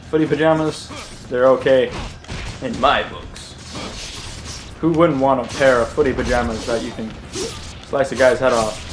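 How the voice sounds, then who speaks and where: A man giving casual gameplay commentary, rambling and joking and correcting himself as he goes. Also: medium pitch. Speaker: let's play host. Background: game music and sounds.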